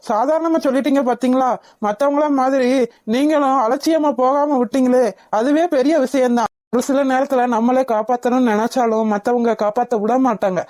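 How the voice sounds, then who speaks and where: A woman's voice: high voice, warm tone, dry recording, lightly acted. A woman voicing an earnest grateful young cartoon woman.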